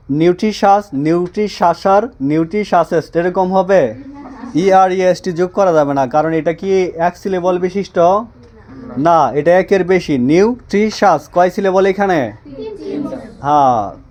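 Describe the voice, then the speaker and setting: Slow, deliberate male English teacher. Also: high voice, darkish tone. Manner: asks questions and answers them himself, repeats phrases slowly; drills students with call-and-response. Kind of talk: classroom grammar lesson.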